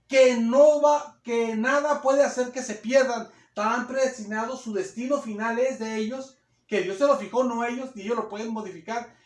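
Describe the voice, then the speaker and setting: High-voiced preacher, echoey phone. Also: male voice. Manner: emphatic, repetitive, asks listeners "right?" often. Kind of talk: sermon. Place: church hall.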